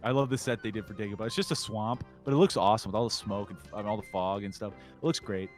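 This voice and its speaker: A man's voice: fairly low pitch, faint music behind. A man co-hosting a podcast, recapping a film in casual chat, rambling and acting out characters' lines. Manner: rambling, acts out film lines in quick impressions. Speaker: podcast co-host.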